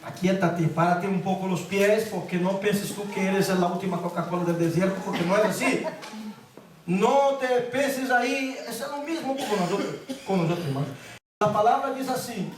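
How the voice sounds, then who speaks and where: A man preaching a sermon to a congregation, emphatic and repetitive, slowing down on key phrases and switching between Portuguese and Spanish. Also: high-pitched, background noise. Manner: emphatic, repeats words for stress, slows down on key phrases. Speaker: guest preacher. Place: church sanctuary. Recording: echoey church room, mic at a distance. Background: congregation calling out amens.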